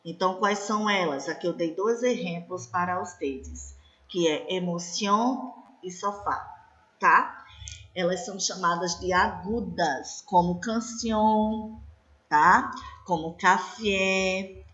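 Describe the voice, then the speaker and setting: A woman teacher giving an online slide lesson, slow and patient, often checking in with her class. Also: lowish voice, fairly bright tone, dull audio. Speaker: Spanish teacher.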